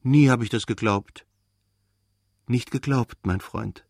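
A man voicing an adult mother, speaking softly and haltingly through tears in a storybook reading. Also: mid-range voice, gravelly, dry recording, clean studio sound. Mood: tearful tender. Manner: soft, tearful, halting. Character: grieving loving mother, adult woman.

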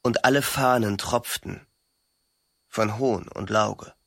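Bright-voiced male narrator reading literature. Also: fairly low pitch, fairly even intonation, slow, dry recording, clean studio sound.

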